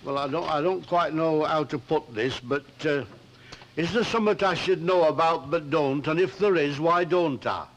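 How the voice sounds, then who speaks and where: A man's voice: fairly high pitch, moderate pace, fairly bright tone. An actor playing a bumbling, affable Northern English working man, hesitant and homely, in a 1960s British TV soap. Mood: puzzled. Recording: noisy 1960s TV soundtrack, clicks.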